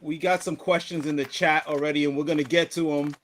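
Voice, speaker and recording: A middle-aged man hosting a casual sports talk livestream, excitable and laughing, trash-talking and restarting his words. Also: a little high, brisk, a loud crowd. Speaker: sports talk show host.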